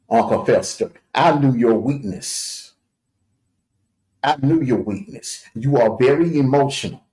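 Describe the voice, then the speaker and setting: A man's voice: mid-range voice, mellow. Male streamer host, mocking rant, voice leaps up and down, echoey room. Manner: taunting, jeering, with scornful laughs. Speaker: livestream host.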